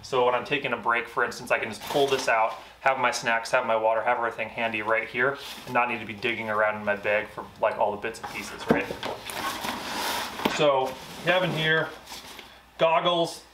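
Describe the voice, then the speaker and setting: A man's voice: mid-range voice, steady tone, a little fast, noisy background. A man in his thirties, a mountain guide, casually explaining his gear with frequent fillers. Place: indoor garage gear room. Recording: echoey room.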